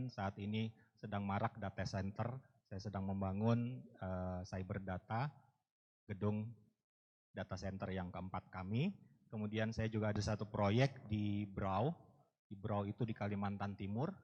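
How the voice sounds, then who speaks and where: A middle-aged man from North Sumatra, giving a friendly, joking talk to a church group. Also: on the low side. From North Sumatra, Indonesia. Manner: chatty, self-joking, with fillers. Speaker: guest speaker. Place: church hall. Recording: long reverb in a hall.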